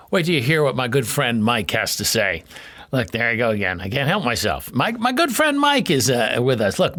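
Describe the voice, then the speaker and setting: A man's voice: a little high, a bit bright. A man hosting a podcast, giving a scripted introduction in a playful, joking, self-mocking way. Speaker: podcast host, comedian and event MC.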